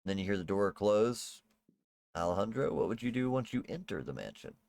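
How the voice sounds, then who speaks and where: A man with a lowish voice runs a tabletop role-playing game. He improvises the narration informally and haltingly, in the casual manner of a game master. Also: lively intonation, gravelly, a little mellow.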